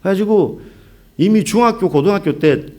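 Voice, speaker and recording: Male pastor, forties, conversational sermon; animated, slightly high delivery with loud-soft swings. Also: moderate pace. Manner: conversational storytelling with humor, swings from loud to hushed. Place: church sanctuary.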